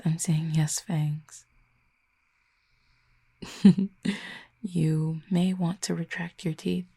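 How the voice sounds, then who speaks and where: In an intimate audio roleplay, a woman voices a wry, tender, guarded Cupid in a low, full character voice, her delivery soft, breathy and husky with gentle, slightly formal phrasing. Her mood begins hesitant and softened, then shifts to amused and teasing.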